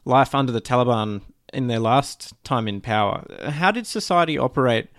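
A man hosting a podcast interview, asking curious questions with halting restarts. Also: mid-range voice, lively intonation, fairly bright tone, dry recording, studio quality. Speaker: podcast host.

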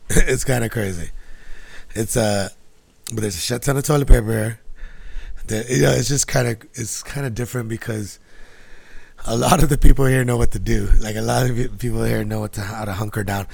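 Male solo podcaster, laid-back slangy rambler, lowish fry-heavy voice, dry outdoor sound. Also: steady tone, moderate pace, darkish tone, no echo. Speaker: podcast host. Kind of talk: casual solo podcast chat.

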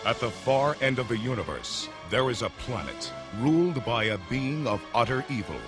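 Dramatic male trailer narrator over loud music. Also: mid-range voice, lively intonation, moderate pace.

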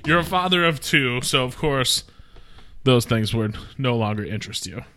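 A man's voice: mid-range voice, lively intonation, normal speed, bright, forceful tone. A man co-hosting a podcast, who chats in a wry, teasing way. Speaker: podcast co-host. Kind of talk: casual chat.

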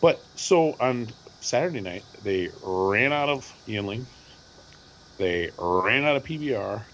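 A middle-aged man with a hoarse voice, co-hosting a podcast and telling a rambling, animated story with lots of repeats. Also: lowish voice, measured pace, muffled recording, a little hiss or hum. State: hoarse from screaming at a concert. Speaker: podcast co-host. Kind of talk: casual chat.

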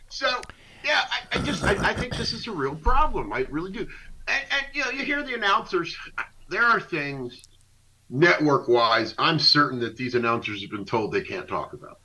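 A man co-hosting a radio show, ranting casually about sports in an animated, indignant, rambling way. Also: a little high, normal speed, a little hiss or hum. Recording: dull lo-fi internet radio.

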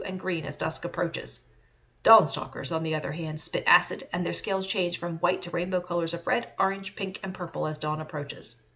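A woman's voice: lowish voice, a bit bright. Woman reading a fantasy story aloud. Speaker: author reading her own fiction on a podcast. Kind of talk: scripted first-person story reading.

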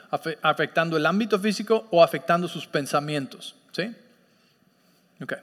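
A man's voice: high voice, a bit bright, long reverb tail. A man preaching a sermon as pastor, teaching and often checking in with his listeners. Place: church sanctuary.

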